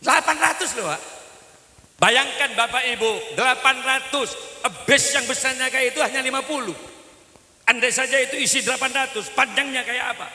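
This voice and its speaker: A man preaching a sermon in a large mosque, telling lively stories with loud exclamations. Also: very high voice, moderate pace. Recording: echoey mosque hall with long reverb.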